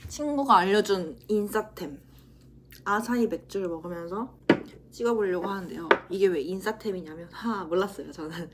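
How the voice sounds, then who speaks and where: A woman in her twenties, a university student, chatting casually to the camera in a vlog, self-teasing and quick to laugh. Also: medium pitch, slight background noise. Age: 20s.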